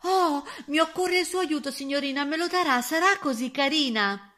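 A woman voicing a cunning, cheeky male pig from a storybook rhyme, in a high squeaky voice. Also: normal speed, bright, forceful tone. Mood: pleading. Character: cunning male pig in a brick house, defiant.

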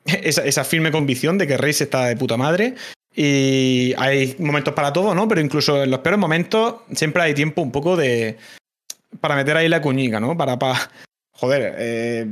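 A man with a Murcian Spanish accent talks over a video call in a relaxed, easygoing way. His voice sits a little high, and he swears freely and trips over his restarts as he goes. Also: moderate pace. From Murcia, Spain. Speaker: streamer guest. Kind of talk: casual chat.

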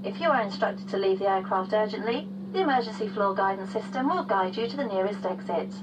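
A woman's voice: medium pitch, expressive, brisk. A woman speaking as a flight attendant, formally reading scripted safety instructions to passengers. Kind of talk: scripted airline safety announcement. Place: aircraft cabin. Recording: distant cabin PA with clear hum.

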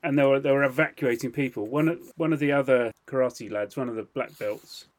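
A man tells a story on a casual podcast, his voice sitting at an everyday middle pitch. He is animated and laughs through the telling. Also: fairly quick. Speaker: podcast co-host.

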